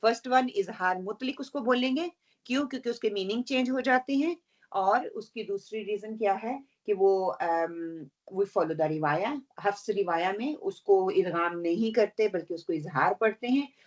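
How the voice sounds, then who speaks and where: A woman teaching Quran recitation rules in an online lesson, explaining patiently, checking in with her students, and slowly reciting example verses. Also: medium pitch, muffled recording. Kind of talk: online tajweed lesson, mixing Urdu and English.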